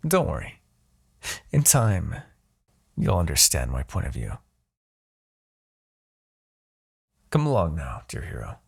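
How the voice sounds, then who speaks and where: Man acting husky, smug, seductive Demon King. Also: extremely low pitch, huge pitch swings, heavily acted. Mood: smug, coaxing. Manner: taunting, theatrical, drawn-out condescension. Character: resurgent male Demon King, smug, seductive, manipulative tyrant. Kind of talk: fantasy ASMR roleplay acting.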